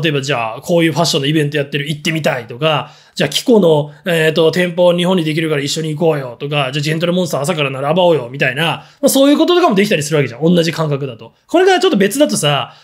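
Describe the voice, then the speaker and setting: Fast, lively high-voiced man chatting. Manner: blunt, rambling, animated with frequent fillers. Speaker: fashion talk show host. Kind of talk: casual solo chat answering listener questions.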